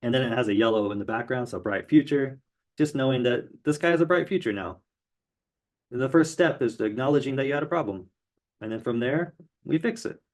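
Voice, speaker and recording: A man's voice: medium pitch, fairly quick. Male tarot teacher, loose conversational explainer, meandering with fillers. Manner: loose, rambling, many fillers. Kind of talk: casual explainer lesson.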